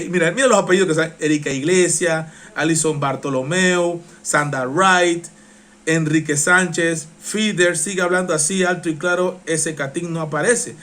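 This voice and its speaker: A man with a Panamanian accent hosting a live-stream reaction show, talking passionately and getting worked up. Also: high-pitched. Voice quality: strains his voice. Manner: excitable, passionate, gets worked up. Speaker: live-stream political commentator.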